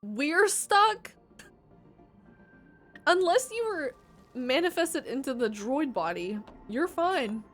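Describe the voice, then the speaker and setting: A woman's voice: high voice, sing-song, unhurried. A woman livestreaming a video game, chatting casually with viewers, swearing freely and laughing often. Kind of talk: casual gameplay chat. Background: game music.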